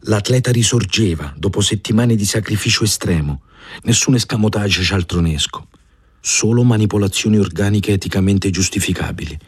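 Low, husky-voiced man reading a novel. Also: no echo, clean studio sound. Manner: measured, even first-person narration. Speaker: audiobook reader.

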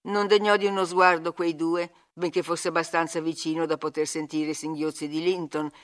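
A woman reading a classic novel aloud as an audiobook narrator, measured and expressive. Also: low voice.

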